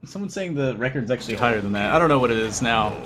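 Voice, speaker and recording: A man co-commentating a live match in a lively, easily amused way. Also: mid-range voice, fast talker, slight background noise.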